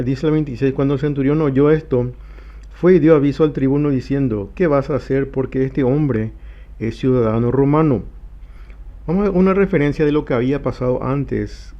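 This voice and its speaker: A man leading a church Bible study, reading scripture passages aloud slowly and then explaining them. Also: medium pitch, muffled recording. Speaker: pastor.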